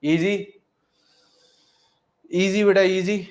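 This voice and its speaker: A man teaching a live online chemistry class, who repeats each phrase, calls the students "beta" and dictates notes slowly. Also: high voice, fairly even intonation.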